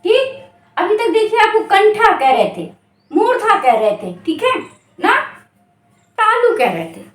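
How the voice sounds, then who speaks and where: High, lively woman teaching slowly in an echoey room. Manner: repeats questions and answers them herself; slow, drawn-out syllables when stressing sounds. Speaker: Sanskrit grammar teacher. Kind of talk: exam-prep grammar lesson.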